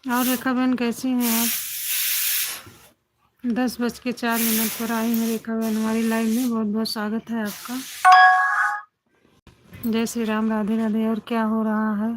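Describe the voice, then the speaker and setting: A woman's voice: a little high, completely flat delivery, unhurried, pauses often, noisy background. A woman hosting a casual phone livestream, chatting with viewers and greeting them by name, often repeating short affirmations. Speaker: livestream host. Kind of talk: casual chat with live viewers.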